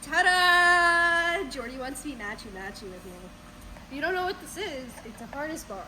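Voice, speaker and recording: A woman's voice: sits high, very animated, fast, very noisy. A woman hosting a casual car vlog in a garage, playful and teasing. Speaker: vlogger.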